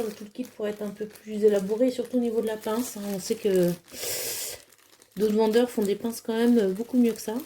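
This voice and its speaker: A woman's voice: mid-range voice, dark tone, a little hiss or hum. A woman chatting casually as she unboxes a craft kit at home, hesitant with many fillers and plainly enthusiastic. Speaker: crafting vlogger.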